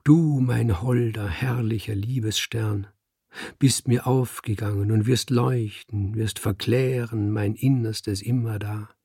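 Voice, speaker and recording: A man's voice: lowish voice, fairly even intonation, takes it slowly, mellow, husky, dry recording, clean studio sound, heavily acted. A man reading a story aloud, voicing a reckless, swooning young male student with an eager, gushing manner.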